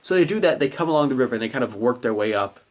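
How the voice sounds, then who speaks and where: A man's voice: medium pitch, animated, racing. A man, a game master, retelling a tabletop game session in a rambling way, full of fillers. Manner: rambling, many fillers like "you know".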